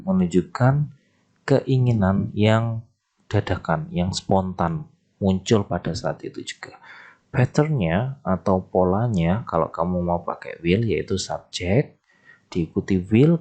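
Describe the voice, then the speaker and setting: A man's voice: on the low side, a little mellow. A man teaching an English lesson, explaining patiently and reading example phrases aloud. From Indonesia. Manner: explains in Indonesian, reads English phrases aloud with rising intonation. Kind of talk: recorded classroom lesson.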